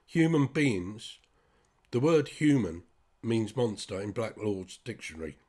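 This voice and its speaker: A man's voice: lowish voice, big pitch swings, takes it slowly, darkish tone, slightly rough. A British man talking straight to his listeners in a blunt, sweary, rambling monologue. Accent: British English. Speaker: vlogger. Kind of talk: casual ranting monologue.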